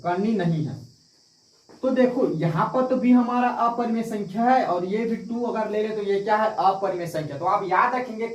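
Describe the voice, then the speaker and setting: A man teaching a math lesson, asking the class questions and answering them himself, repeating key points. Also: high-pitched. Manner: repetitive, asks and answers own questions. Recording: echoey room, distant mic.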